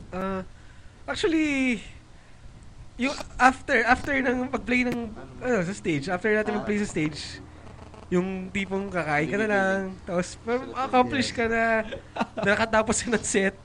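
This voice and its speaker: A man telling a relaxed story in a casual chat with his bandmates. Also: sits high, a little slow, a little hiss or hum, rough recording. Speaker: band member.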